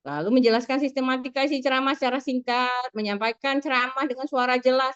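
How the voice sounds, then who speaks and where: A woman's voice: high voice, fairly even intonation, quick pace, clean tone. A woman giving a classroom lecture to students, with rising and falling intonation, speaking to them directly. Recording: dull lo-fi.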